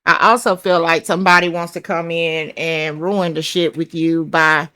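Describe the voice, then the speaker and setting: A woman's voice: lowish voice, steady tone, normal speed, sharp tone, smooth. A woman with a country accent giving a casual tarot reading, chatty and blunt, thinking aloud over the cards and calling her viewers child and baby. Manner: swears casually. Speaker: tarot reader.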